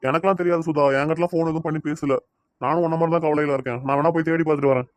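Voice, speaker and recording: A man voices a dismissive husband and father in a homemade family drama. He talks very fast in a slightly high voice. The recording is dry and close. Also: fairly even intonation, no room sound, lightly acted. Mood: evasive. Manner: brusque, dismissive then explaining. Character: calm father hiding daughter's whereabouts. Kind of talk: amateur family web drama.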